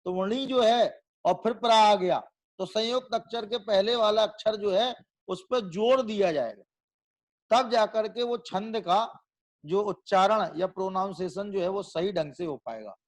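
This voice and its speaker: Casting: man with a high voice, patient religious teacher, rhetorical questions, slow demonstrations of pronunciation. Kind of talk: group class on recitation and meaning of a hymn.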